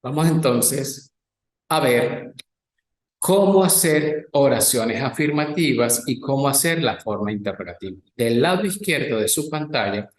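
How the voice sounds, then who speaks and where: A man teaching an English lesson in Spanish, slowly repeating English words and translating them. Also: medium pitch, animated, reverberant. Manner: slow, careful pronunciation drills alternating English and Spanish. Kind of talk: recorded lecture with slides.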